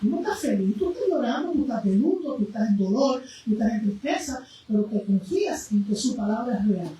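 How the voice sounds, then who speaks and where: A woman preacher delivering an impassioned sermon, moving between loud, fervent cries and quiet, low passages, recorded from a distance in a church. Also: lively intonation, brisk. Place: church sanctuary. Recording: very echoey room, voice from afar, faint noise.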